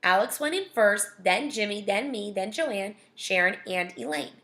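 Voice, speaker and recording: A woman's voice: medium pitch, expressive, a little slow, fairly bright tone. A young woman casually reading a children's novel aloud, breaking off to chat and comment. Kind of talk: casual read-aloud with asides.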